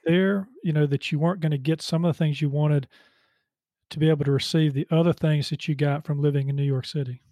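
A man hosting a radio interview, speaking in a measured, halting way with many fillers. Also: on the high side, fairly even intonation, warm tone, no echo. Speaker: radio host.

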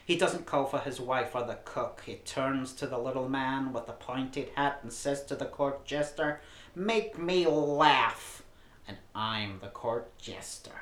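A man's voice: medium pitch, measured pace, fairly bright tone, natural voice. A man putting on the voice of a brassy, sentimental middle-aged housewife and reading with exaggerated drama. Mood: melodramatic. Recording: roomy echo.

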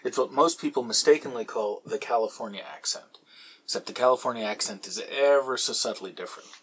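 A man's voice: medium pitch, fairly quick, fairly bright tone, husky, poor audio. A man hosting a podcast who answers a listener's question in a casual, lecturing way, wandering into asides and stopping often for ums and repeated words. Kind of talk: casual explanatory talk.

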